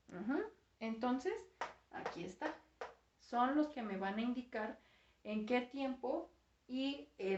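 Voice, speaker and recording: A woman gives a recorded grammar lesson in a raised, fairly high voice, walking her students through each step and dropping "ajá" between points. The sound is dull and lo-fi, with the echo of a bare room around her. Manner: explains step by step, often fills with "ajá". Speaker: English teacher.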